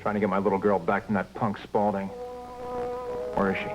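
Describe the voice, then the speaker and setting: An actor playing a threatening, gruff stepfather in a television soap opera. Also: sits low, level tone, fairly quick, lo-fi sound, over music, lightly acted. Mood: menacing. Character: menacing male stepfather hunting his runaway stepdaughter.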